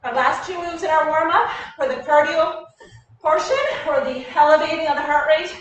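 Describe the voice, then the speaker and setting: A woman fitness coach with a high voice leads exercises in short, directive cues. She is energetic and encouraging as she counts through moves. The recording is very reverberant and distant, with faint noise. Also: moderate pace, dull audio. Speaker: fitness coach leading a warm-up. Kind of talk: group workout instruction, clipped cues and countdowns. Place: echoey indoor room, heard from a distance. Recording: very echoey room, distant mic, faint noise.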